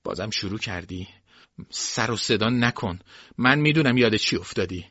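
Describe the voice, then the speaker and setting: A man voicing a calm inner voice that gently soothes and reminds. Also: lowish voice, slightly rough, no echo, muffled recording, heavily acted. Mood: soothing.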